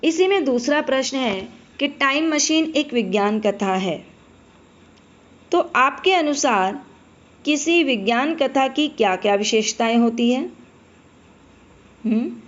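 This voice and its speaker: A woman teaches a primary school Hindi lesson in a high voice, speaking slowly and pausing often. She patiently addresses the children, asks them questions and then answers them herself. The recording has its highs cut off.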